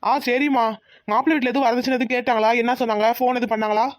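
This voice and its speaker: A woman's voice: fairly high pitch, fairly even intonation, racing, dry recording, clean studio sound, natural voice. Woman voicing a placating dutiful son. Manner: gentle, placating. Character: dutiful adult son, calm peacemaker.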